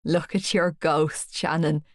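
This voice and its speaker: A woman voicing a big, teasing teenage boy, speaking in a lowered, soft and amused tone. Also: fairly even intonation, slow pace, no room sound, studio quality.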